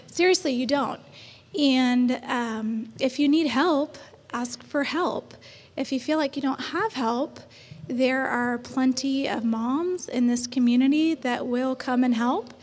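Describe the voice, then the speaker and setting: High-voiced chatty woman in her thirties. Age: 30s. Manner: chatty, encouraging, laughs often. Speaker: panelist. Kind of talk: church panel talk. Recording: long hall reverb.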